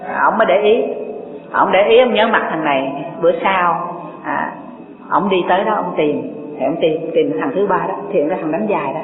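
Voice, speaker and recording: A woman's voice: fairly low pitch, normal speed, soft background music. Woman, Buddhist sermon, chatty storytelling, tinny sound, roomy reverb. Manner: folksy, conversational, asks the audience questions. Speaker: Buddhist dharma teacher. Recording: tinny, echoey hall recording.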